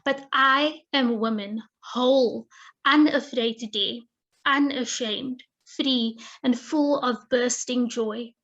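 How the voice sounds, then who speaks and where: A woman reading her own poetry aloud, measured and deliberate, over a video call. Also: fairly high pitch, a bit bright. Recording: muffled lo-fi video call audio.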